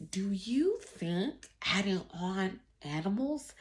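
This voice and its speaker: A woman with an expressive, mid-range voice reads to children slowly during a read-aloud lesson. As their schoolteacher, she addresses them directly and teaches in an instructive, emphatic manner.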